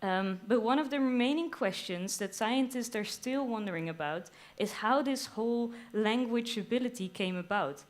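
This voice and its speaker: A young woman with a fairly high voice talks on a live stage, explaining her science to a crowd with enthusiasm. She delivers it as a lively, explanatory talk, with playful little asides. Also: moderate pace, hardly any pauses. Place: live stage at a theater venue.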